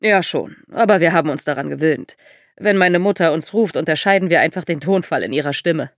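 A woman reading an audiobook, voicing a friendly, chatty older American gentleman who is a little louder than the narration. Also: fairly low pitch, normal speed, no echo, clean studio sound, natural voice. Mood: charming.

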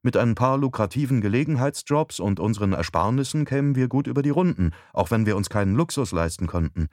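A man voicing a calm, persuasive young wife in an audiobook, raising his pitch and speaking gently. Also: fast talker, no room sound, studio quality, close to an everyday voice. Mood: coaxing. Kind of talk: audiobook dialogue.

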